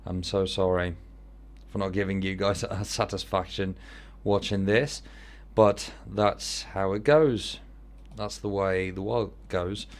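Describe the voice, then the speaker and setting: A man's voice: low-pitched, steady tone, slow pace. A man with an Italian accent giving casual commentary on an online football manager game, thinking aloud as he weighs his choices.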